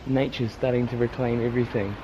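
A travel photography vlogger talks casually and enthusiastically to a handheld camera held at arm's length, outdoors and inside big abandoned factory buildings. His mid-range voice is level and fast, and the recording is muffled with background noise.

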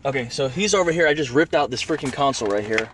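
A man's voice: mid-range voice, expressive, quick pace, a bit bright, a little hiss or hum. A young man vlogging from inside his car at night, talking casually to viewers, cursing and grunting as he works. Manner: swears a lot, chatty, straining and grunting while working. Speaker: iguana catcher and vlogger. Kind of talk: casual vlog talk to camera.

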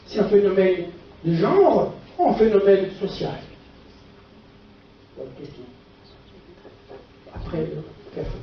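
An older man with a Portuguese accent gives a conference lecture in halting French, asking short rhetorical questions. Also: high-pitched, sing-song. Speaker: physician lecturer. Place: dark auditorium stage at a lectern. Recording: echoey hall, distant camera microphone, muffled, faint noise.

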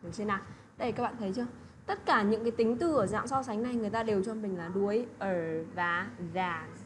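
A woman's voice: medium pitch, fast talker, noisy background. A woman teaching an English lesson to children, who keeps checking in with little tag questions. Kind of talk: online lesson explanation.

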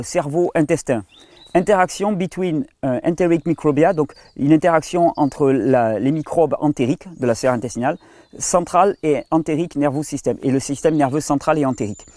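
French man explaining, dark dry voice. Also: mid-range voice, dry recording. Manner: talks to viewer as "tu", hesitant restarts, reads study titles in halting English. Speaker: health channel host. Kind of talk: explanatory monologue.

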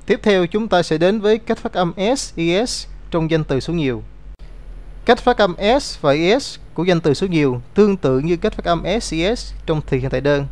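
A man's voice: a little high, lively intonation, normal speed. A man teaching an English grammar lesson, explaining rules step by step and reading out example words.

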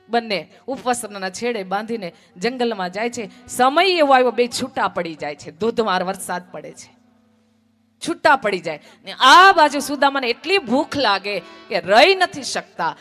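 A woman's voice: on the high side, pushed and bright. A woman from Gujarat telling a devotional story as a sermon, emphatic and fond of repeating phrases. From Gujarat, India.

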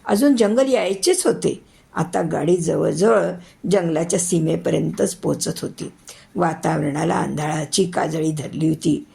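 A woman narrating a suspense story in a measured, dramatic reading. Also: low-pitched, creaky, dark tone. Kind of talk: scripted narration of a horror story.

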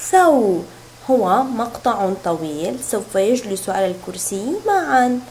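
A woman teaching a recorded reading lesson to young children, sounding out syllables slowly and clearly. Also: on the high side, a little mellow, a little hiss or hum, low-quality recording. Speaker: kindergarten teacher.

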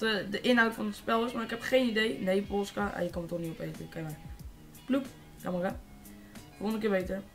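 A teenage boy from the Netherlands giving casual, excitable let's-play commentary, swearing and shouting at opponents. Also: sits high. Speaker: gaming YouTuber.

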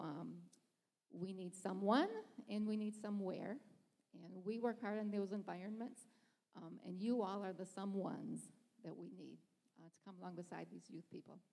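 A middle-aged woman speaks into a handheld mic to present church volunteer needs, earnest and hesitant with frequent ums. Her voice is mellow with a gravelly edge, and it carries a long reverb from the big sanctuary. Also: medium pitch. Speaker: children's ministry leader. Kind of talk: church announcements. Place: church stage, large sanctuary.

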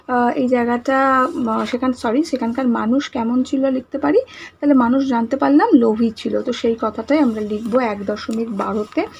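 A woman teacher giving an online lesson, speaking softly and patiently, repeating each answer and asking the class questions. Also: high voice, creaky, muffled recording, a little hiss or hum. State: speaking softly, finds talking hard today.

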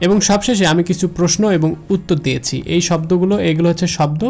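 A man's voice: high-pitched, fast talker, a little mellow, soft background music. A man with a Bangladeshi Bengali accent giving a slide lecture, repeating each rule and asking the listener questions. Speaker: teacher. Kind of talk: slide lecture on pronunciation rules.

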